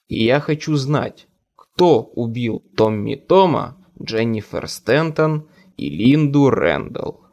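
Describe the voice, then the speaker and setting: A stubborn wizard detective in an audiobook, cornered and grim, as a male narrator plays him. He speaks slowly in a gravelly low voice, pressing hard for answers. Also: expressive, darkish tone. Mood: insistent.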